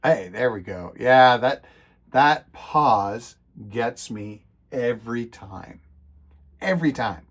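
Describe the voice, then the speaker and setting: A middle-aged man talks through his bench repairs in a relaxed, drawn-out pace, muttering fillers as he works. He gets openly excited when a test passes and worried when something breaks. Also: mid-range voice. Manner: excitable, thinking aloud with many fillers. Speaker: retro computer repair vlogger. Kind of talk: casual hands-on repair commentary.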